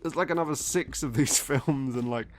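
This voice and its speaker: A man's voice: medium pitch, moderate pace, soft background music. A drunk man giving a casual, comedic film review, rambling off script, exasperated and swearing often. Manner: drunk, getting drunker, rambling and losing his thread.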